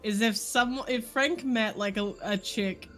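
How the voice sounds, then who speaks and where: A woman's voice: on the high side, a little slow, fairly bright tone. A woman player in a tabletop role-playing game, teasing the others and swearing casually.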